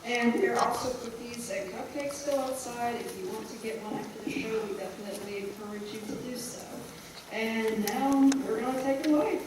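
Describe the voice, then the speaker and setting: Brief: young woman, student director, upbeat stage welcome, slightly high voice, echoey hall, distant mic. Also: fairly quick. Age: young adult. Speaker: student director introducing a show. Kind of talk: welcome speech before a stage show. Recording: echoey hall, far from mic, background noise.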